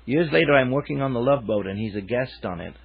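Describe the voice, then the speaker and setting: An older man from Wales, a songwriter telling rambling, hesitant stories with many fillers in a relaxed interview. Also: medium pitch, fast talker, creaky, slightly rough. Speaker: songwriter guest. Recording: narrow phone-like radio sound.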